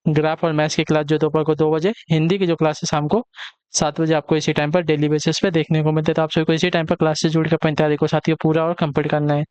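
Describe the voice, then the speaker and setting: Clear-voiced male exam teacher. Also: fairly high pitch, flat delivery, fast talker, darkish tone, no echo. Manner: repeats questions and answers, frequent "ठीक है" check-ins. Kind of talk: online class lesson.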